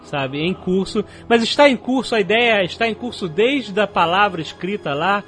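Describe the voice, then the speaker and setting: High-voiced joking podcast host, man. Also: normal speed, faint music behind. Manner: animated, joking, laughs often. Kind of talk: casual podcast chat.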